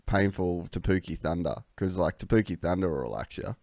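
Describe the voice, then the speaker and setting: A man's voice: sits low, lively intonation, brisk, creaky, a little mellow, dry recording, clean studio sound. A man hosting a podcast in casual chat, with a matey, slangy, sweary way of talking. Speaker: podcast host.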